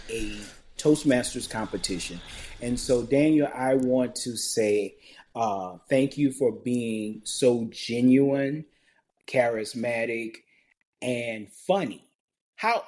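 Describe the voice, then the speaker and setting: A man's voice: mid-range voice, warm tone. A man hosting a podcast interview, introducing his guest with enthusiasm and asking questions. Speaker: podcast host.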